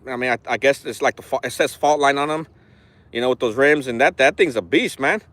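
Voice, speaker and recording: A man's voice: medium pitch, a little fast, a bit bright, no room sound. A man in his forties chatting on a phone livestream outdoors, rambling and frank, swearing freely with tough talk. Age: 40s. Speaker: RC hobby vlogger. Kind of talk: casual livestream chat. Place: outdoors near an orchard.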